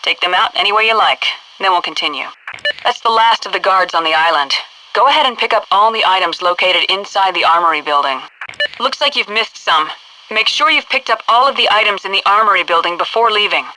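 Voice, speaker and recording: The actress voices a no-nonsense military HQ instructor in a video game, issuing short, commanding tutorial orders via a noisy radio-style transmission. She uses a natural, animated voice at medium pitch, sounding brisk and instructive.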